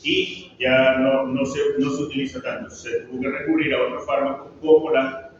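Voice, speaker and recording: A male pharmacology lecturer with a Venezuelan Spanish accent gives a classroom lecture in a medium-pitched, level voice at normal speed. He asks the class questions and checks in often with "¿sí?". The distant mic in the large classroom yields an echoey, muffled sound with a little hiss or hum.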